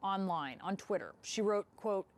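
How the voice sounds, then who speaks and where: A woman news anchor delivering a scripted lead-in in a measured way, then interviewing a guest. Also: mid-range voice, expressive.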